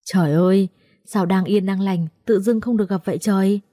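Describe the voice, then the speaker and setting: A lovesick young man from an audiobook story, wheedling and whining for his bride-to-be, read by a woman. The tone is warm and soft, with a middling pitch. He pleads and sulks like a clingy child. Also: fairly even intonation, fairly quick, dry recording, studio quality, natural voice. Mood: wailing.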